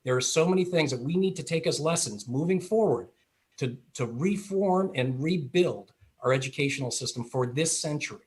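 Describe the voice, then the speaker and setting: A man running for Congress, giving a measured answer in a virtual forum, with some restarts. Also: on the high side, animated, darkish tone. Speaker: congressional candidate. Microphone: video call.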